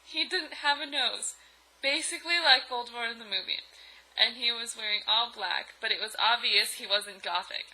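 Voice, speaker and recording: Sarcastic woman reading aloud, bright high voice. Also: normal speed, rough recording. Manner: sarcastic, exasperated asides. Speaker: reader and commentator. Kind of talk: comedic dramatic reading with commentary.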